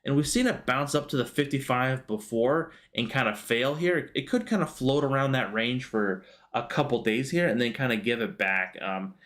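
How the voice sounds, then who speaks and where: A man's voice: mid-range voice, normal speed, few pauses, a bit bright. A man hosting a stock market livestream, walking through charts in a loose, rambling way with many fillers and restarts. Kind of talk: casual market commentary over charts.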